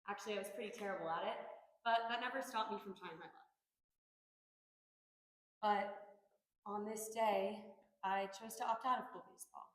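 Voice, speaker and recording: A woman's voice: medium pitch, moderate pace, pauses often, echoey room, rough recording. Earnest young woman performing a monologue. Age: young adult. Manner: earnest, reflective storytelling with dramatic emphasis. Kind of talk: theatrical personal monologue.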